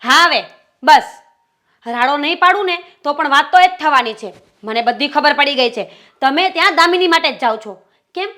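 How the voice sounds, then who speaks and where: An actress playing a jealous wife who accuses her husband in a family drama, sharp and sarcastic. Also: sits high, lively intonation, normal speed. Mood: accusing. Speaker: suspicious wife. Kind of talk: Gujarati short-film family drama acting.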